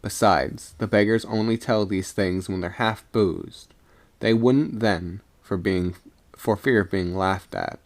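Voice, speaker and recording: A man's voice: on the low side, takes it slowly. A man voicing a cynical, scornful sea captain in a storybook reading, with a dismissive way of talking. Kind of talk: storybook character dialogue.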